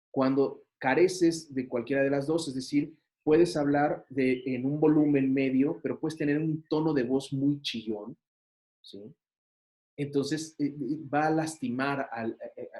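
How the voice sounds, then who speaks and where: Mexican man, university teacher, online lecture, somewhat high voice, chatty, filler-heavy. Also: warm tone. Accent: Mexican Spanish. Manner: conversational, many fillers and rhetorical tags.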